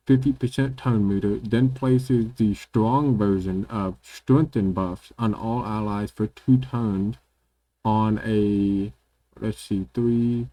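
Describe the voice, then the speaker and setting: Man, gaming commentary, unhurried delivery, mellow tone, lots of ums. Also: lowish voice. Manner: relaxed, many ums and repeated words. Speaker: gaming channel host. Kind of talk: casual gameplay commentary. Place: home computer setup.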